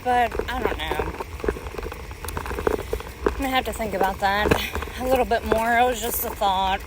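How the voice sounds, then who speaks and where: A woman's voice: medium pitch, normal speed. A woman podcaster talking casually and unscripted, musing aloud as she walks. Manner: musing aloud while walking. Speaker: podcast host and mother. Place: outdoors on a local walk. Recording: outdoor walking recording, loud ambient noise. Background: crunching dry leaves underfoot, outdoor noise.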